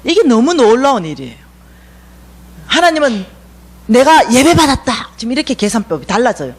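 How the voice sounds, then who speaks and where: Woman church speaker, animated sermon delivery, very lively pitch. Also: brisk, slightly rough. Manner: animated, acts out dialogue between God and Elijah. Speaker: church finance lecturer. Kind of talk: revival lecture.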